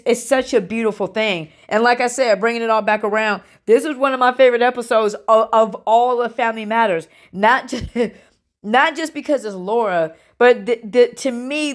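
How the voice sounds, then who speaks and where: A woman hosting a casual reaction video, talking earnestly, restarting and repeating phrases, and drifting into gentle encouraging preaching. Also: on the high side.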